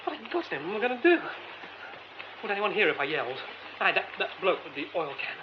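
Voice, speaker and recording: A panicked young theatre man, the lead in a radio drama, picks his way through a derelict theatre, muttering wryly to himself before stammering frantically under pressure. The actor's voice is high, sing-song, and fast, heard through a dull, hissy old radio recording.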